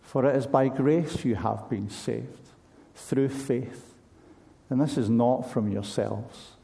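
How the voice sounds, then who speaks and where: A man's voice: medium pitch, slow pace, gravelly, warm tone. A man preaching a sermon in an earnest, conversational way, asking his listeners pointed questions.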